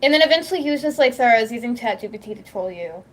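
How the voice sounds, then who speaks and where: A woman's voice: on the high side, animated, fast talker. A woman YouTuber chatting casually at home, rambling through stories and acting out quoted dialogue, saying "like" constantly. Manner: rambling storytelling, acts out quoted dialogue, heavy "like" filler. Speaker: YouTuber and livestreamer. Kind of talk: casual chat.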